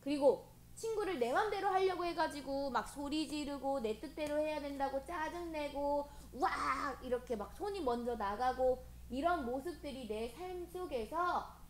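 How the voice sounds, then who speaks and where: A woman preaching to children, animated and gently coaxing, often asking them questions. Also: sits high. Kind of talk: children's sermon. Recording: echoey room with faint hiss.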